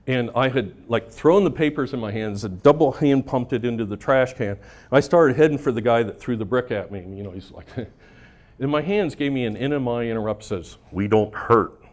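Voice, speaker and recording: A middle-aged man spinning workplace anecdotes at a conference, his voice sitting at an ordinary middle pitch. He talks casually and swears freely, laughing at his own stories. He keeps tossing "right?" to the crowd. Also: brisk, a little mellow. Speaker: conference speaker. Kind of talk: storytelling talk to a live audience.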